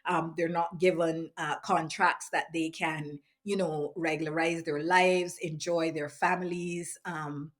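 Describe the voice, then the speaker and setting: Woman, somewhat low pitch, earnest, measured, filler-heavy interview talk. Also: fairly even intonation. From Barbados. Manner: earnest, measured, with frequent ums and restarts. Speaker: activist in residence. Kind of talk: reflective interview monologue.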